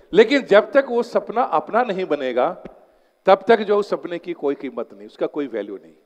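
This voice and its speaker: A man giving a motivational seminar talk as an exam coach, telling stories and mixing English phrases into his Hindi. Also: high voice. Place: lecture hall. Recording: long hall reverb.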